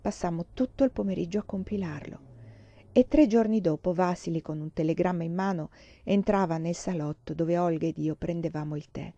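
A woman reading a novel aloud in a measured storytelling manner. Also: fairly low pitch, dark tone, dry recording, muffled recording. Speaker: reader.

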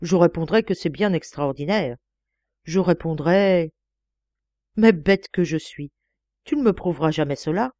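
A woman voicing a touchy old male police agent who talks gruffly and exclaims often. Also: on the low side, warm tone, no room sound, close to an everyday voice. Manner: gruff, exclamatory, quick to take offence.

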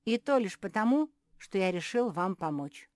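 A woman's voice: mid-range voice, sing-song, normal speed, darkish tone, dry recording, clean studio sound, pitched above the performer's own voice, natural voice. A woman voicing a tiny, kind male gnome who is eager to help. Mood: friendly.

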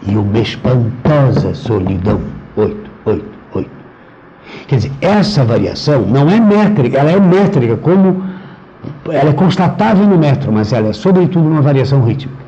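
A man lecturing on literature, reading poems aloud and pausing to explain their meter, often repeating words as he thinks. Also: a little high, very animated, dark tone. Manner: reads verse aloud, then breaks off to explain meter. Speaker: literature teacher. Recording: dull lo-fi recording with faint noise.

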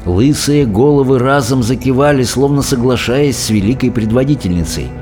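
A man narrating a storybook in an expressive, dramatic way. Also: medium pitch, normal speed, over music. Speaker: audiobook reader.

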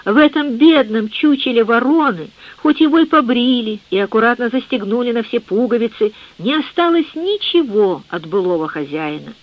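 A narrator reading a literary novel in a measured audiobook style, on a dull lo-fi recording. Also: mid-range voice, lively intonation.

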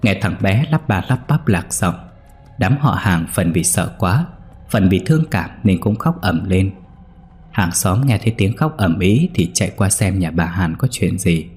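A man narrates a ghost story in a steady, grave manner. His voice is low and deep, with a dark, mellow tone. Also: measured pace, soft background music. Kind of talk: scripted horror story narration.

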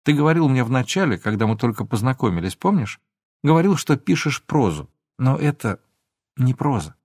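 A man reading an audiobook, voicing an emotional young woman who pleads and sometimes flares up into shouting. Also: mid-range voice, very animated, moderate pace, no room sound, clean studio sound. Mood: earnest. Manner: pleading, then flaring into shouts.

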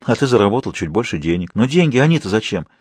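A man's voice: lowish voice, very animated, fast talker, a little mellow, slightly rough, no room sound, studio quality. A man voicing a weary merchant's wife who longs to settle down, asking brooding questions, in an audiobook.

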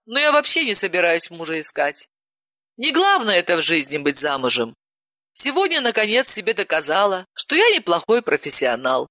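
A woman's voice: on the low side, big pitch swings, moderate pace, bright, forceful tone, dry recording. A woman voicing a wry, resilient heroine who speaks matter-of-factly with dry humor in an audiobook.

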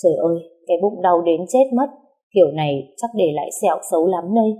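A woman reads a novel aloud in a calm, even first-person narration. Her voice is low-pitched and dark, with a husky, slightly breathy grain. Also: fast. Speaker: audiobook reader.

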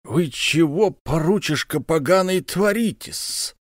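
A man voicing a hot-tempered, tipsy, pushy male count who blusters and quickly turns angry, in an audiobook reading. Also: fairly high pitch, animated, dry recording, studio quality, pitched above the performer's own voice.

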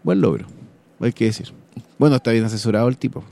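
A man's voice: medium pitch, fast talker, creaky, warm tone. Chilean man co-hosting radio chat. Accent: Chilean Spanish. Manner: agreeable, adds short remarks. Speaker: radio co-host. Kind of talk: casual morning radio chat.

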